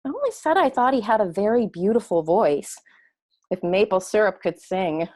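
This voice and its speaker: An actress playing a gentle, starstruck grown daughter, defensive with her mother, in a period drama reading. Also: mid-range voice, expressive, moderate pace, lightly acted.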